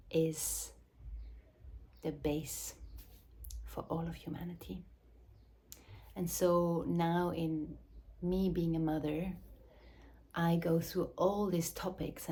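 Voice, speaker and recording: A woman from Switzerland, speaking English as an in a slow, searching, reflective address, often dropping into soft whispers. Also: fairly low pitch. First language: Swiss German or Dutch. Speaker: mother and movement teacher. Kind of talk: reflective spoken address to camera.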